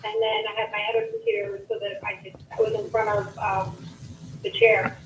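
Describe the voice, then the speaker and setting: A woman's voice: medium pitch, flat delivery, brisk, slight background noise. A woman joining a board meeting remotely by video call, explaining in a chatty way with restarts, heard through a room speaker as distant, echoey audio. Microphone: video call played through a room speaker.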